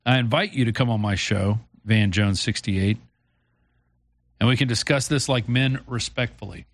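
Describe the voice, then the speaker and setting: An American man hosts a call-in radio show in an informal, conversational style. His pitch is average for a man, and he talks reflectively. The sound is dry, with no room echo. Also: moderate pace. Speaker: talk show host.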